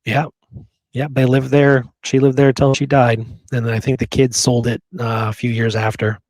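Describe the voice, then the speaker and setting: This podcast host and history researcher has a medium-pitched, flat, slightly mellow voice at a moderate pace, recorded roughly with no echo. He recounts history colloquially and emphatically, often stopping to check that the listener is following.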